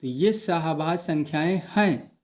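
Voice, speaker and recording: A man's voice: fairly high pitch, unhurried. A man teaching a math lesson, posing questions to the class and answering them himself.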